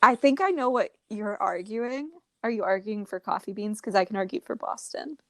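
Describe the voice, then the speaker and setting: A woman's voice: medium pitch, moderate pace, fairly bright tone, no echo. A young woman co-hosting a casual podcast, playful and jokey, laughing often. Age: young adult. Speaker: podcast co-host. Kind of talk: casual chat.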